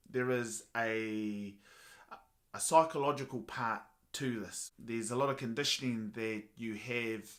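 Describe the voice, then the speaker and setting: A man's voice: mid-range voice, fairly bright tone. A man with a Māori New Zealand accent talking earnestly and motivationally to viewers in a personal vlog. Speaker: vlogger.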